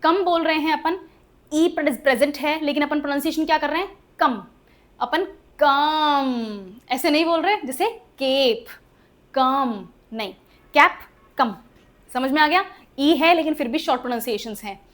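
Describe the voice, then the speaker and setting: Fast and high-voiced, a woman English teacher rattles through spelling rules in a lively, chatty lesson. She keeps asking the class questions to make sure they follow and laughs at the oddities along the way.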